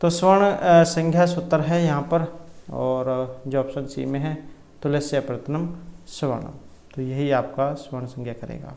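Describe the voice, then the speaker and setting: Guy going through exam questions like a tutor, lists terms out one by one, voice sits a bit high. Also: steady tone, a little slow, a little mellow. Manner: explains each option, reciting Sanskrit terms and grammar rules one by one; self-corrects mid-sentence. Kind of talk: exam-prep lesson going through multiple-choice questions.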